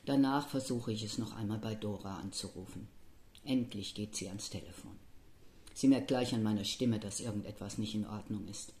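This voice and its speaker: A man narrating a first-person story in a measured, somber reading voice. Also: lowish voice, a little mellow. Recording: echoey room with faint noise.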